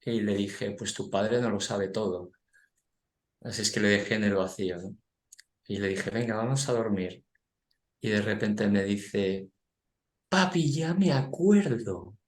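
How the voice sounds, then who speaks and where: A man's voice: lowish voice, level tone, measured pace, long pauses, echoey room. A man, a guest telling a personal story, acting out the dialogue and often ending with tag questions. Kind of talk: storytelling anecdote.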